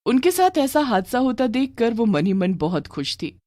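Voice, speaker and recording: Woman narrating a cartoon story, very lively pitch, dry close sound. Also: moderate pace, dry recording.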